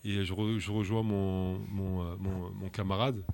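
A man from France, an activist guest, telling his story in an interview, halting and often restarting his words. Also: low voice, flat delivery, darkish tone. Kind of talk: personal testimony in an interview.

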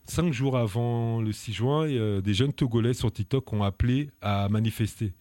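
A man from France, an activist guest, telling his story in an interview, halting and often restarting his words. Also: mid-range voice, dark tone, no echo. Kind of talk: personal testimony in an interview.

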